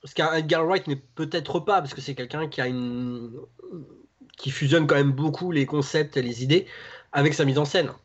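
A man's voice: fairly high pitch, moderate pace, husky. Man, film chat host, hesitant, many fillers, muffled audio. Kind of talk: casual film podcast chat.

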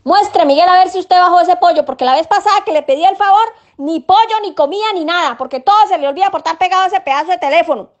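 A woman's voice: very high voice, fast talker, hardly any pauses, highs cut off. A woman playing an exasperated mother in a comedy sketch, scolding and cursing at her son. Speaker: sketch actor.

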